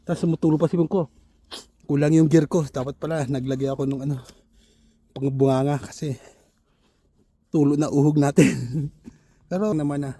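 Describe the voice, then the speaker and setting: A man's voice: a little high, steady tone, normal speed, long pauses, mellow, breathy edge. An older man, narrating a casual vlog while he shovels snow outdoors. He is out of breath and laughs often between phrases. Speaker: vlogger.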